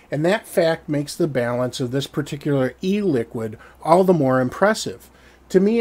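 A man in his thirties giving a scripted, wry and descriptive product review to camera, with a measured delivery, in a small dark indoor studio on a standing mic. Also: mid-range voice.

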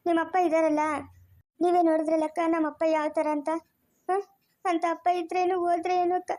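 A woman voicing a gentle, tearful young bride. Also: very high voice, flat delivery, brisk. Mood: sad, timid. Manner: soft, polite, tearful.

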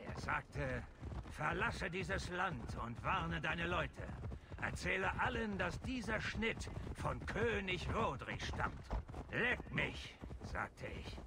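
Swaggering Viking warlord. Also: male voice, high voice, very animated, slow, noisy background, exaggerated voice. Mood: boastful. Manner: swaggering, crude storyteller. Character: boastful brutal Viking warlord man. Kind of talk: German game dub.

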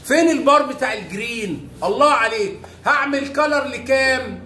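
A man's voice: very high-pitched, a little fast, sharp tone. A man with an Egyptian Arabic accent teaching math to young children, coaxing them along with lots of praise and pet names. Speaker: primary school math teacher. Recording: echoey room, faint background noise.

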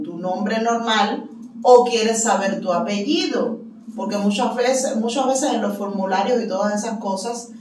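Woman, French teacher, unhurried patient explainer, recorded at a distance with an echoing room. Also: medium pitch, a little mellow, a little hiss or hum. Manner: patient, repeats phrases slowly for learners. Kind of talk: casual language lesson. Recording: roomy echo, mic at a distance.

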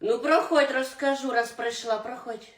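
A woman voicing a gruff, brusque old grandmother who tells stories, in a comedy sketch. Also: on the high side, steady tone, moderate pace, natural voice. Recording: roomy echo.

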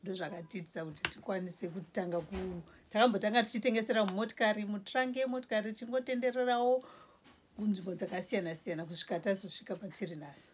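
A Zimbabwean-accented woman in her forties, medium-pitched with slight hiss or hum on the recording, owns a small indoor grocery store. In a casual Shona interview she shows her shelves and slowly lists the goods.

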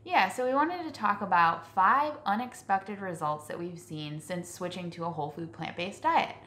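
A woman's voice: on the low side, normal speed, a bit bright. A woman co-hosting a food vlog, chatting casually with many ums and likes. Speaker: vlog co-host. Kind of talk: casual chat. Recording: echoey room.

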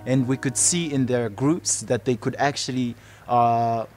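In a documentary interview, a man in his twenties who facilitates a youth theatre project gives a reflective, explanatory account. His medium-pitched, darkish voice is a little slow with fairly even intonation, and music plays under it.

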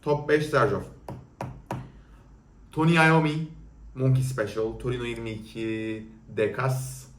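A young man talks his way through viewer questions in a loose, casual chat. He is blunt and teasing, with a middle-pitched voice. He sits a little back from the mic in a room with plenty of echo. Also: measured pace, long pauses, recorded from a distance, slight background noise. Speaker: perfume reviewer. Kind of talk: casual Q&A talk.

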